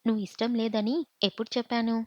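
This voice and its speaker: Woman narrator voicing gentle young husband, soft pleading delivery, slightly muffled audio. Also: on the high side, little pitch movement, fast talker, dry recording, lightly acted. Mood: tender. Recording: dull, dry lo-fi recording.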